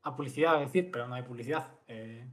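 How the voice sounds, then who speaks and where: A man's voice: medium pitch, a crowd in the background. A young man from Galicia co-hosting a casual podcast, joking playfully. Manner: fast, playful, jokey asides. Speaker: podcast co-host. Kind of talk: casual chat.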